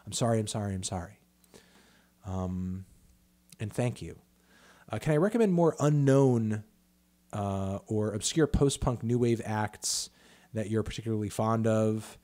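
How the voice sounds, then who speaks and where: A man's voice: on the low side, unhurried, long pauses, mellow. Profane, rambling man hosting a livestream Q&A. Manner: loose, profane, rambling with fillers and restarts. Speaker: music critic host answering viewer questions. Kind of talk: casual livestream Q&A.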